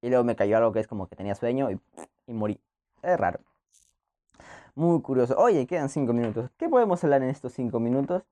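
A man's voice: medium pitch, very animated, fast talker, long pauses, mellow. A young man, hosting a podcast alone and rambling casually through personal stories with frequent laughter and restarts. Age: young adult. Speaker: podcast host. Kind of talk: casual monologue.

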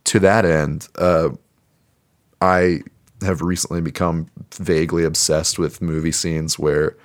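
A man's voice: deep voice, little pitch movement, unhurried. A man co-hosting a podcast, reviewing a movie in a laid-back, rambling way with lots of fillers. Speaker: podcast co-host. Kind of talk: casual movie review chat.

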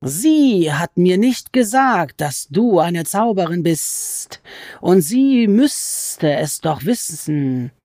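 A woman voicing a sly, menacing male goblin who is a fanatically loyal servant, speaking in a slow, drawn-out, hissing way. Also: on the low side, very animated, dark tone, no room sound, clean studio sound, voice pushed up, exaggerated voice. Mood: gloating, indignant.

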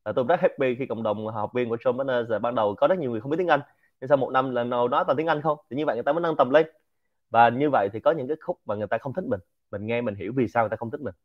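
Fast-talking man, central Vietnamese accent. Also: medium pitch, lo-fi sound. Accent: Central Vietnamese (Quảng Nam). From Quảng Nam, Central Vietnam. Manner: animated, rhetorical, often asks the audience for agreement. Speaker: lecturer and host of a Q&A show. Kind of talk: informal business lecture.

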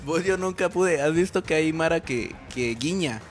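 A man's voice: a little high, animated, moderate pace. A man with a Guatemalan Spanish accent co-hosting a live online show, chatting casually and joking with slang and frequent laughter. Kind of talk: casual chat.

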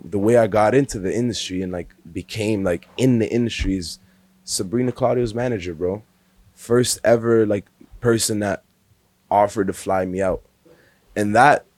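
A man's voice: fairly low pitch, darkish tone, no echo. A man in his early twenties, a podcast guest talking casually and earnestly, full of "like" and "bro". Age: 20s. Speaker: podcast guest, music industry worker.

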